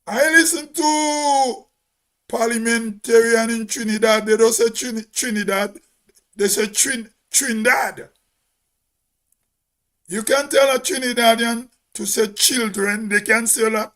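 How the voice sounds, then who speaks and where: A man's voice: very high-pitched, steady tone, unhurried, a bit bright. A Grenadian man giving a spoken commentary in an emphatic, preachy way, as if on radio.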